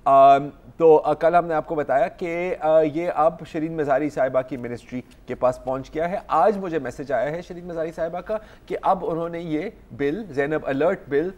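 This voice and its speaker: A man hosting a TV talk show in a studio, chatty, relaxed and joking with callers. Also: fairly high pitch, normal speed, hardly any pauses, highs cut off. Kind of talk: casual studio chat.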